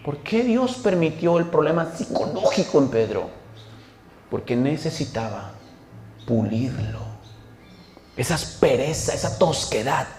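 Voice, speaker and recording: A man preaching a sermon as pastor, telling the story with lively acted-out voices. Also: on the high side, a little hiss or hum. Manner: animated storytelling, acts out quoted speech. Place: church hall. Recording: echoey church hall.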